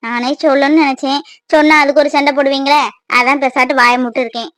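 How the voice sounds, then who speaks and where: A complaining young mother from a cartoon, voiced by a woman. Her high, whiny voice keeps nagging and scolding, and the recording is dry and close with no room sound. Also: fairly even intonation, fast, fairly bright tone, no echo. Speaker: mother of a crying baby.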